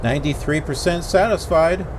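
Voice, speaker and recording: A man's voice: fairly high pitch, moderate pace. A man giving casual gaming commentary as he plays a flight simulator. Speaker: flight sim player. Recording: clear aircraft noise behind voice.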